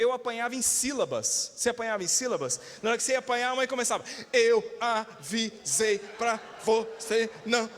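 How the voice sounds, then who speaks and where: A man's voice: very high voice, a bit bright, a little hiss or hum. A male pastor with a Brazilian Portuguese accent preaches an emphatic sermon, calling for amens and acting out voices. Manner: emphatic, calls for amens, acts out quoted voices. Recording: reverberant church hall.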